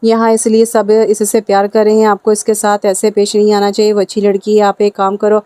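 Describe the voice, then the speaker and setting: A woman's voice: medium pitch, monotone, fairly quick, mellow, smooth, no echo, close to an everyday voice. A woman voicing a young mother who scolds and soothes her son, read plainly in an audiobook. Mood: soothing. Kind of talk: audiobook character reading.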